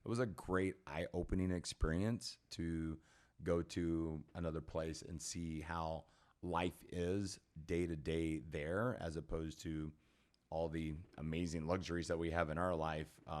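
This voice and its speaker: A middle-aged man with a low, deep voice, talking as a guest on a podcast. He tells his stories in a casual, animated way, full of "like" and "man". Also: unhurried. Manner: animated, lots of "like" and "man" fillers. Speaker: podcast guest, personal trainer. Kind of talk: casual storytelling.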